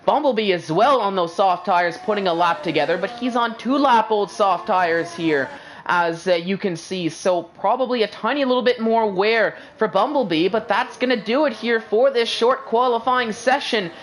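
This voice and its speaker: Live race commentary comes from a male esports racing commentator whose fairly bright voice sits high and moves at normal speed. A native English speaker, he's upbeat, chatty, and full of fillers, the loose play-by-play voice of sim racing streams. The rough recording has slight background noise.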